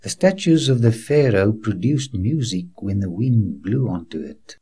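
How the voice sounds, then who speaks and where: A man narrating a documentary in a slow, unhurried delivery, guiding the viewer from place to place like a tour guide. His voice is low, dark and a little husky. His intonation rises and falls widely as he speaks earnestly and reassuringly to the viewer as a friend. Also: animated. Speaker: documentary presenter. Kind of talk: scripted documentary narration with preaching asides.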